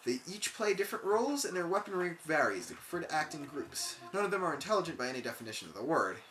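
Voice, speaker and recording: A calm female sword spirit reciting facts in a dry, matter-of-fact way, read plainly by a let's player. The tone is bright, and the delivery has lively pitch. It rings in an echoey room. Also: fast, soft background music.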